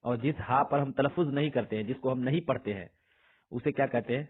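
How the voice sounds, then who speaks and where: A man teaching a grammar lesson in a patient, repetitive way. He asks a question and answers it himself. His voice is husky and comes through a thin, phone-like recording. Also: medium pitch. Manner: asks questions and answers them himself, repeating words slowly. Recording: husky voice on tinny phone-like audio.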